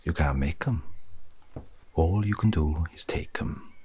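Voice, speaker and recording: A man's voice: extremely low pitch, husky, exaggerated voice. A man playing a sardonic, menacing retired spy in a brooding, ASMR role-play monologue. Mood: sly. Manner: hushed, brooding monologue, drawn-out phrases. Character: sardonic, menacing retired British spy musing on his secrets.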